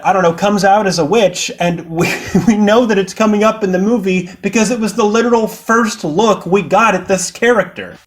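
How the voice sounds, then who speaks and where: A man delivering a sarcastic, mocking film critique as a video essayist. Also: sits high.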